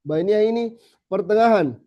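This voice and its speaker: A man teaching a small group how to recite, saying letter sounds slowly again and again and then correcting them. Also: sits high. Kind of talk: tajweed lesson to a small group. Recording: slightly dull lo-fi recording.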